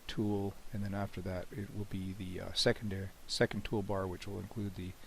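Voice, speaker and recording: Hoarse from a cold and frequently clearing his throat, a deep-voiced developer briskly walks through his plugin in a screen recording. His delivery is relaxed and rambling, full of "you know"s and restarts.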